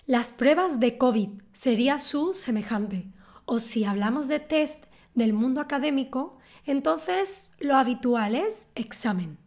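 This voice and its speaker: Woman explaining words slowly, calm and clear, kinda high voice. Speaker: Spanish teacher. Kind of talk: scripted lesson monologue.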